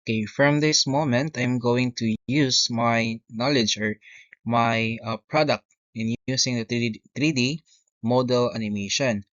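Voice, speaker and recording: A male teacher walking through a software tutorial step by step, often saying okay and correcting himself. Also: mid-range voice, steady tone, measured pace, no echo. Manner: step-by-step, frequent "okay" and "uh" fillers, self-corrections. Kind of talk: screen-recorded software tutorial. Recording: dry, dull lo-fi mic.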